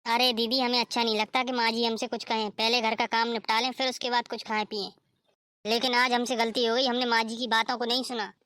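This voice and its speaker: A woman's voice: on the high side, little pitch movement, a little fast, pushed and bright, no echo, studio quality. A woman voicing a polite, apologetic young daughter-in-law in a cartoon story.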